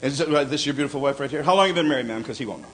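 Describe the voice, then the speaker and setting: An older man doing a stand-up comedy routine on a club stage, telling gruff stories and putting on squeaky voices for the people in them. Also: very fast, a crowd in the background. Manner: gruff storytelling, puts on high squeaky voices for kids and wife.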